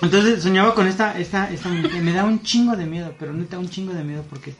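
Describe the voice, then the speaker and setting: A young man with a Mexican Spanish accent, telling a childhood dream in casual chat with relaxed, stammering restarts. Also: high voice, quick pace, slight background noise.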